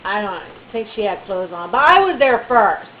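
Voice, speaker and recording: A woman telling a funny personal story in a chatty, animated way, with bits of playful baby talk. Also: medium pitch, normal speed, highs cut off, slight background noise. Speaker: vlogger.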